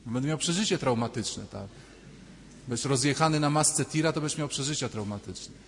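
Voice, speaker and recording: A man preaches in a relaxed, conversational way and slips into quick voices for the people in his examples. His voice sits in a middle register. A long church reverb trails after every phrase. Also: mid-range voice, a little hiss or hum. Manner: conversational, acting out quoted voices. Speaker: priest. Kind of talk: sermon.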